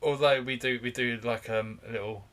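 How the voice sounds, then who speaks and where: A man's voice: medium pitch, fairly even intonation, a little fast, fairly bright tone. A man co-hosting a casual podcast, tossing in playful, jokey remarks. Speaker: podcast co-host. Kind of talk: casual chat.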